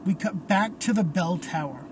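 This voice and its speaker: A storyteller narrating a violent horror scene in a slow, deliberate, hushed reading. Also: medium pitch, background noise.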